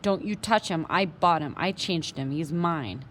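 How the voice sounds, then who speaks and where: A woman's voice: on the low side, unhurried, fairly bright tone, a little hiss or hum. A woman reading aloud and voicing a stubborn young boy who whines and insists on getting his way. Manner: whiny, insistent. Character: upset young boy in pain, possessive and stubborn.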